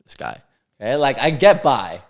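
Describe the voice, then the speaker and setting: A man's voice: medium pitch, big pitch swings, normal speed. A man from Canada hosting a casual podcast chat, full of joking, teasing banter. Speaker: podcast host and youth soccer coach.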